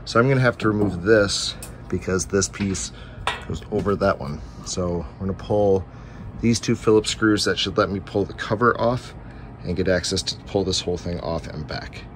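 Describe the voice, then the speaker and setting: A man's voice: sits low, moderate pace. A man hosting a casual DIY how-to video, explaining step by step in an informal way, in a basement room. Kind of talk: casual how-to repair narration. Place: noisy basement furnace room at home. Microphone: handheld camera's microphone. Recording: background noise from basement furnace room.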